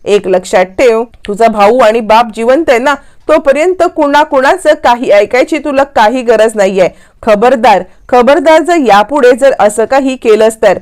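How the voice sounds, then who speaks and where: A woman voicing a panicky, harsh mother-in-law who talks in a shrill, accusing way. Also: expressive, moderate pace, darkish tone, lightly acted.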